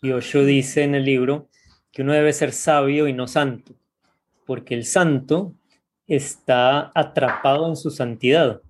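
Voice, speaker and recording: A man from Rica, hosting a relaxed interview in a reflective way. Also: mid-range voice, unhurried. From Costa Rica. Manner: reflective, often tags with ¿verdad?. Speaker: podcast host. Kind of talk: casual interview.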